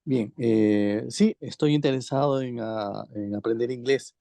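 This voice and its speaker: Man, gravelly, mellow dark voice, hesitant attendee, dry sound. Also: medium pitch, unhurried, no echo. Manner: hesitant, many fillers and restarts. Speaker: webinar attendee asking questions. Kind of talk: hesitant question on a video call. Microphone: video call.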